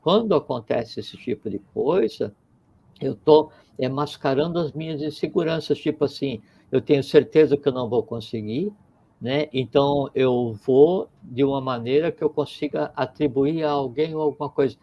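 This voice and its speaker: A man's voice: medium pitch, normal speed, lo-fi sound. A man talking reflectively in a conversation, circling his points with repeated phrases and little parables. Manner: digressive, repeats phrases, tells parables with acted quotes.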